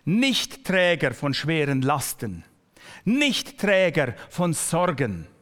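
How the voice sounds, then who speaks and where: A man gives a sermon to his flock, talking personally and directly to the listener and often slowing down to a near whisper when he wants to stress something. His voice sits a little high with big pitch swings and a touch of brightness, heard in a big-room sound.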